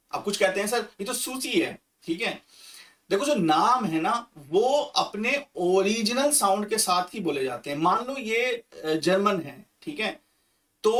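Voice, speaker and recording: An Indian man with a fairly high voice teaches a grammar lesson at an unhurried, deliberate pace. He explains patiently, repeating example sentences slowly and clearly. He sounds a little distant from the mic. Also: a bit bright. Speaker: German language teacher.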